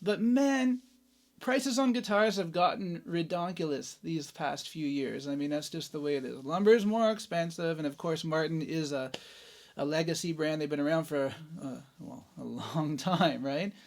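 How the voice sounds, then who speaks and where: A Canadian guitarist hosts a casual gear review, chatty and enthusiastic, with loose fillers and exclamations, while acoustic guitar plays in the background. His voice is fairly high-pitched and moderately paced.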